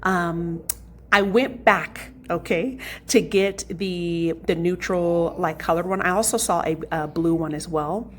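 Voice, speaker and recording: A woman home vlogger casually telling viewers a story, chatty and animated, often saying "y'all". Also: on the low side, unhurried, a little hiss or hum.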